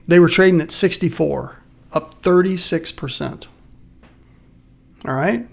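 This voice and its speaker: A man's voice: fairly high pitch, vocal fry. A man hosting a live webcast, talking through a portfolio review on slides, conversational with asides and rhetorical questions. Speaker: host presenting a stock portfolio review.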